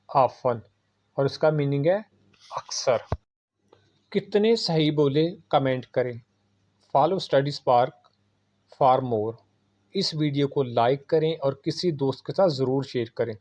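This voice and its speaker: A man teaching English pronunciation in a scripted vocabulary lesson, speaking slowly and deliberately and repeating each word for the listener. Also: medium pitch, dark tone. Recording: dull, lo-fi recording.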